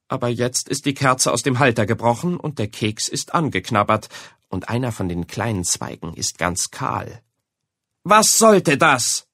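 A man reading a children's storybook aloud in a lively, expressive way. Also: fairly low pitch, no room sound, clean studio sound.

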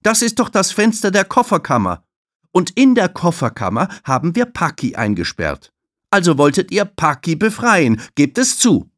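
A man voicing a strict adult woman receptionist at a safari park, loud and suspicious as she scolds. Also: sits high, expressive, unhurried, few pauses, dry recording, clean studio sound, voice pushed up. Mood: accusing.

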